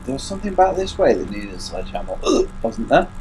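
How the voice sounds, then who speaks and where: An English gaming YouTuber offers casual let's play commentary on a horror game, muttering and grumbling to himself through a stuffy nose and hiccups. His medium-pitched voice is sing-song, quick, and a little mellow. The audio is poor, with faint music behind him.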